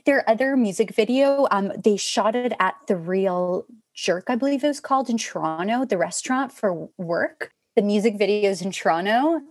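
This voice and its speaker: A woman's voice: mid-range voice, expressive, normal speed, darkish tone. A woman joining a casual music podcast over a video call, giggly and enthusiastic. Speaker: podcast guest. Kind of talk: casual chat over drinks.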